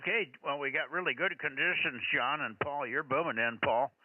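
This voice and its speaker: A man's voice: medium pitch, moderate pace, narrow, tinny audio. Ham radio net controller, man, calls stations by call sign, thin crackly radio audio. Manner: reads out call signs, gives operators directions. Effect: noisy ham radio transmission. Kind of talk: casual radio chat.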